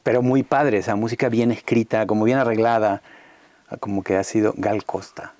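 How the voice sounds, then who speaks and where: A man's voice: fairly low pitch, fairly even intonation, normal speed, darkish tone, no room sound. A man from Argentina, a guest musician, talking at length in a casual, rambling way with lots of restarts and slang. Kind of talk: conversational interview.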